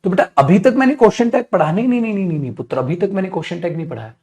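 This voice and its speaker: A male teacher giving a live online class. He speaks in a lively way, asks and answers his own questions, calls his students "beta", and slows down to spell out English example sentences. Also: high-pitched.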